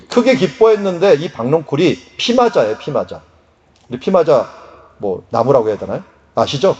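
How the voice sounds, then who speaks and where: A man preaching a sermon in a conversational, lively way, sometimes acting out quotes. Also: on the high side, lo-fi sound. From Korea. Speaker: pastor.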